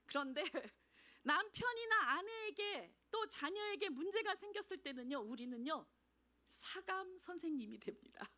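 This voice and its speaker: Woman missionary preacher: animated storyteller, voice high and swinging. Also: moderate pace. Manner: animated, acts out dialogues, laughs often. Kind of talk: sermon. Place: church.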